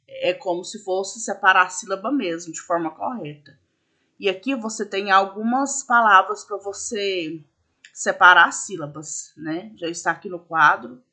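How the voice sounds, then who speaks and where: A woman's voice: medium pitch, sharp tone. A woman teacher patiently explaining a school lesson step by step, with frequent fillers. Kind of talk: recorded classroom lesson.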